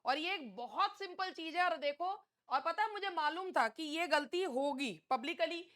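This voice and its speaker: A young woman teaching an English exam-prep lesson, chatty and teasing, reading questions out slowly. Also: very high voice, animated, a bit bright. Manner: chatty, scolding, teasing students.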